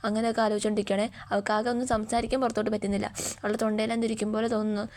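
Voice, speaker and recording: Young female channel host, casual fast recap voice, flat delivery. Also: mid-range voice. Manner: chatty, fast retelling with frequent tag words. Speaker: YouTube story explainer. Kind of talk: casual story retelling.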